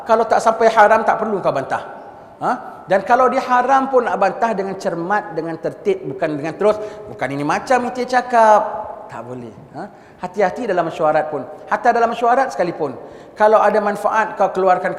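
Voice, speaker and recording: Brief: high-pitched religious teacher with a Singaporean Malay accent, chatty lecture style, recorded in an echoey mosque hall with long reverb and faint noise. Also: male voice. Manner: conversational, often checks listeners with "ha?"; mixes English words into his speech.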